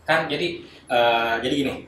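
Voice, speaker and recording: Animated man telling a ghost story. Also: medium pitch, moderate pace, slight background noise. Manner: animated, acting out shouts and quoted voices. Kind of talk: casual podcast storytelling. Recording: roomy sound from a distant mic.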